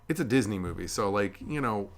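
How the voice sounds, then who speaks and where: A man's voice: fairly low pitch, animated, fairly quick. A young man hosting a casual chat, rambling and self-correcting with a joking streak. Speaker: podcast host. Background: dogs.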